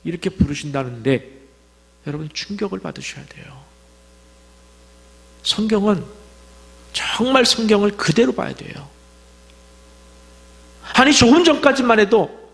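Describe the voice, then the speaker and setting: A man with a high-pitched voice preaches a sermon in a church sanctuary. His delivery swings from booming declarations to hushed, intimate asides, and the long reverb of the hall hangs after each phrase. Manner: dramatic, shifts from booming quotes to hushed asides. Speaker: pastor.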